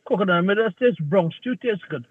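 The host of a casual talk show, this man pokes fun at his co-hosts with playful, Caribbean-flavored phrasing. His high-pitched, husky voice moves a little fast, and the tinny phone-like line carries no room sound.

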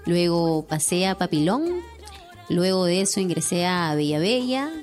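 A young Peruvian woman with a Lima accent, talking easily as a guest on an interview show. Her voice sits a little low for a woman, and she laughs readily and keeps checking in with her listener. Faint music plays under the talk. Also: sing-song, unhurried, darkish tone. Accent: Peruvian Spanish, Lima. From Peru, born in Lima. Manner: chatty, laughs often, tag questions. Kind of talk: casual interview chat.

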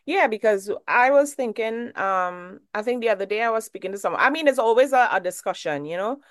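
A woman's voice: a little high, expressive, brisk, fairly bright tone, no room sound, clean studio sound. A woman from Trinidad hosting an interview show, asking questions in a chatty, friendly way. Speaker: show host.

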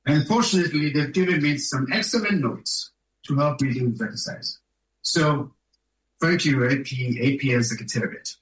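A man's voice: mid-range voice, normal speed, fairly bright tone, a little hiss or hum. A man giving a public speech at a conference, emphatic and fond of rhetorical questions to the audience. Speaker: conference speaker. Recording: echoey room, distant from mic.

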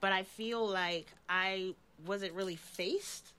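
A woman's voice: mid-range voice, slow pace, sharp tone, clean tone. A woman in her forties hosting a casual interview, talking thoughtfully with many fillers and restarts. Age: 40s. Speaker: host.

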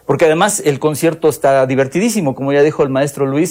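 A man's voice: on the high side, quick pace, darkish tone. Enthusiastic male music journalist. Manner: enthusiastic, explanatory. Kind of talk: radio interview.

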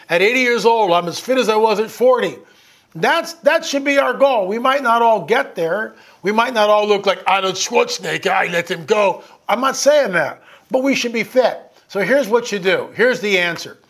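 A man in his 60s, his voice notably high-pitched and a bit bright, offers informal commentary that sounds like a sermon. His manner with listeners is folksy and conversational, driving points home with emphasis and rhetorical questions.

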